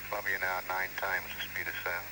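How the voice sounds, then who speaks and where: A man giving measured, matter-of-fact mission announcements over a distant radio transmission. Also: low-pitched, flat delivery. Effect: distant loop radio transmission. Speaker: mission control public affairs announcer. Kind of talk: live mission commentary. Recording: noisy distant archive radio audio.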